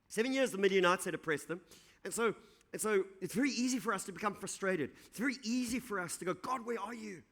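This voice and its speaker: A man's voice: high-pitched, fairly bright tone. A male pastor preaching an evening sermon, reading scripture aloud and then explaining it in a conversational, encouraging way. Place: church.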